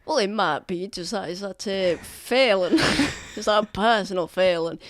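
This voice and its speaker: A man playing a weary, blunt orc veteran in a tabletop game, gruff and sardonic. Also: high voice, a little slow, fairly bright tone. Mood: grumbling. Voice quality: gruff, sardonic, swears casually. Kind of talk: tabletop role-play in character.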